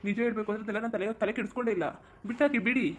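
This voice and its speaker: A performer doing a fast-talking, soothing young husband. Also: medium pitch, fairly even intonation, natural voice. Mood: reassuring. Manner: soothing, rapid reassurances. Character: calm young husband, gently reassuring. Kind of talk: cartoon voice acting.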